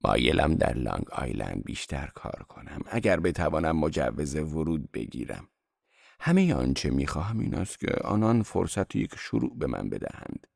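A man's voice: rumbling low, big pitch swings, gravelly, a little mellow, dry recording, clean studio sound, voice pushed down, heavily acted. A man voicing a meek, eager middle-aged photographer, speaking in a subdued way. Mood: hopeful.

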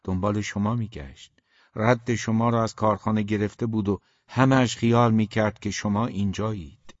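A man voicing a young woman barber who talks to a man in a gently teasing, direct way, in a dull, dry recording. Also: lowish voice, fairly even intonation, no echo, lightly acted.

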